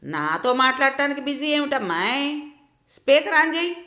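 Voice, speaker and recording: A woman voicing a scolding sharp-tongued grandma. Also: sits high, very animated, normal speed, reverberant, pitched above the performer's own voice, exaggerated voice. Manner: loud nonstop scolding.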